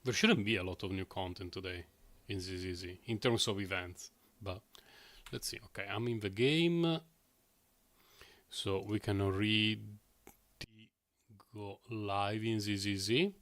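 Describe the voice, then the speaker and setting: A man's voice: on the low side, a little slow, pauses often, a bit bright. A man chatting casually while live-streaming video games, rambling and often chuckling to himself. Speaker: game streamer.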